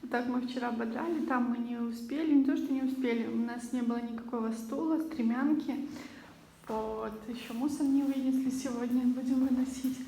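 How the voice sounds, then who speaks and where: A woman's voice: on the high side, fairly even intonation, fairly quick, warm tone. A woman casually showing around an empty apartment, her voice ringing with the strong echo of bare walls. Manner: chatty, showing things around. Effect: strong echo of a bare empty room. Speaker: vlogger. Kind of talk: casual video tour. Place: empty unfurnished apartment being renovated. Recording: echoey bare room, faint hiss.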